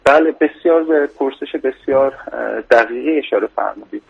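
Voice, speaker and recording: A man with a heavily gravelly, breathy voice gives formal expert answers on a radio interview. He talks in a measured way and keeps pausing on hesitation fillers. The sound is dull and lo-fi, like a broadcast radio feed. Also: medium pitch. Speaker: financial expert guest.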